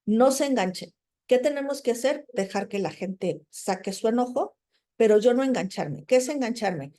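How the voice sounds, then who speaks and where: Mellow-voiced woman giving a lecture. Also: a little high, expressive, normal speed. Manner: conversational, frequent "¿no?" tags and fillers; acts out quoted people while explaining. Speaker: teacher. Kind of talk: recorded lecture.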